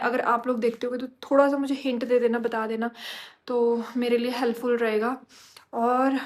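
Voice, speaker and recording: Chatty young woman vlogging at home. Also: fairly high pitch. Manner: chatty, animated storytelling with Hindi-English mixing. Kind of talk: casual chat.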